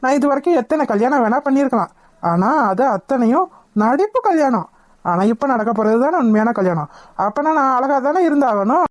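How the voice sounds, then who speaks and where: A woman's voice: high voice, expressive, fairly quick, no room sound, studio quality. A woman with a Tamil accent voicing a vain, boastful young groom in a cartoon.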